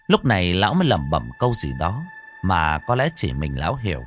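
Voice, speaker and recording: A man narrating a ghost story in a lively, expressive way. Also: deep voice, a little fast, soft background music.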